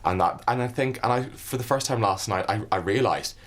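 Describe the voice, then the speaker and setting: A man's voice: lowish voice, brisk. A man speaking in an earnest, aggrieved way as a reality show contestant in a confessional. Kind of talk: confessional to camera.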